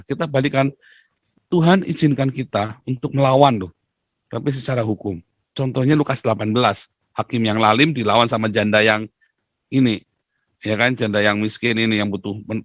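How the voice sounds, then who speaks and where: A man speaks as a guest commentator in a casual talk-show discussion, medium in pitch and emphatic. His voice jumps up sharply when he drives a point home. The sound is dry and close. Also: a bit bright, dry recording.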